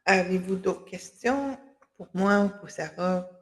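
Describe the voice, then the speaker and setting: On the low side yet expressive, this woman speaks at a measured pace. As webinar host for a women's enterprise organization, she delivers the closing remarks of an online workshop via video call, hesitant and full of fillers and restarts.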